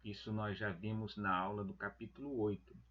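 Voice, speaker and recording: A man with a low, husky voice teaches a church Bible lesson. He speaks very slowly, with a deliberate, pastoral manner. The recording sounds dull and lo-fi. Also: level tone. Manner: slow, deliberate, addresses listeners as beloved brethren.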